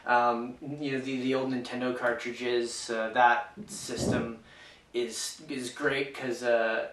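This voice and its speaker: A man's voice: mid-range voice, level tone, takes it slowly, background noise. A man giving a casual, unscripted board game review, hesitant and full of fillers and restarts. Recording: echoey room, mic far off.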